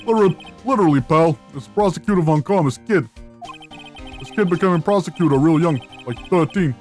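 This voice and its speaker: A man's voice: fairly high pitch, lively intonation, fairly quick, darkish tone, faint music behind, close to an everyday voice. A man voicing a blundering, good-hearted police detective from a video game, blunt and folksy in his talk. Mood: informative, urgent. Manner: blunt, folksy, tacks a pet word onto sentences.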